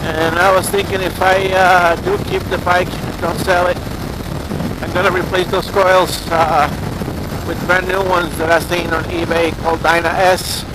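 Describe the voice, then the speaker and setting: Loud wind and engine noise surround a man talking inside a helmet as he rides. His voice sits fairly high, and he chats casually in the style of a motorcycle vlog. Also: flat delivery, measured pace. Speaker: motorcycle vlogger. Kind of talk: casual spoken vlog while riding. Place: outdoors on a moving motorcycle. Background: strong wind, motorcycle engine.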